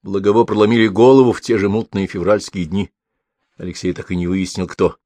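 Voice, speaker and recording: A man reading an audiobook in an even, storytelling manner. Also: deep voice, a little fast, no echo. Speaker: audiobook narrator. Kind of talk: scripted narration.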